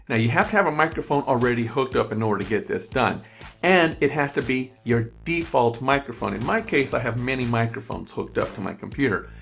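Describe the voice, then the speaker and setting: A man's voice: mid-range voice, fairly bright tone. Man walking through a screen tutorial. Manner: step-by-step, repetitive explaining. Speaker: online tutorial presenter. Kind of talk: screen-recorded tutorial walkthrough. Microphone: USB desk microphone.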